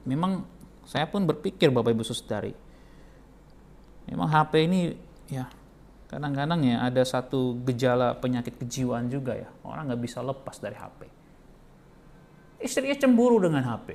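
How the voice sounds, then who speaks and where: Man preaching with loud emphatic bursts. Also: mid-range voice, animated, moderate pace, creaky, long pauses. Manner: jokey storytelling with chuckles, often calls out to the congregation. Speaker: pastor. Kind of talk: sermon. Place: church.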